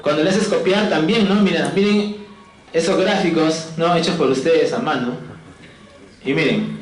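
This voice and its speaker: A man's voice: a little high, moderate pace. A man teaching a physiology class in a lecture hall, who keeps checking in with students and throws in jokes. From Peru. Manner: lively, asks "¿no?" and "¿sí?" constantly, jokes with students. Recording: echoey classroom.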